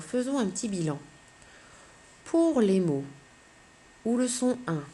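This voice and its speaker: Slow, patient woman teaching phonics. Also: medium pitch, a little mellow. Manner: patient, spells out letters one by one. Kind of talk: slow, clear phonics lesson for young children.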